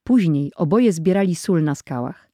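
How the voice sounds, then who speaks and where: A narrator reading an adventure story aloud in a measured, even audiobook style. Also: medium pitch, dry recording, studio quality.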